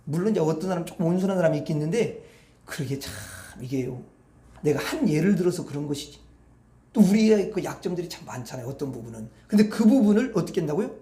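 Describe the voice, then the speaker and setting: A man with a high voice preaches at an evening prayer meeting. His sermon is colloquial and chatty, full of rhetorical questions for the congregation. The recording carries a roomy church-hall echo. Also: expressive, fast, dark tone. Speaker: pastor.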